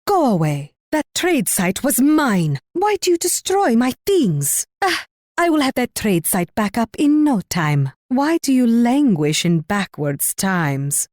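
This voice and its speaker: A woman's voice: mid-range voice, darkish tone, dry recording, studio quality. An actress playing a haughty, warlike Spanish queen in a video game, delivering imperious, mocking taunts with sweetly condescending menace. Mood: scornful, boastful.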